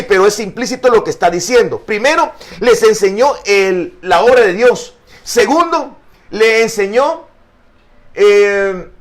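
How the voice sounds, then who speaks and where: A male pastor teaching a Bible study, earnest and explanatory, with frequent fillers and repeated words. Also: sits high. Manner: addresses listeners as brother.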